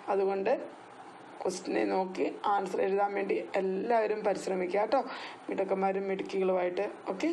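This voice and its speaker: A woman teacher, giving a recorded lesson to young children. She reads Hindi lines slowly for the pupils to repeat, then explains them in Malayalam. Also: mid-range voice, a little hiss or hum, rough recording.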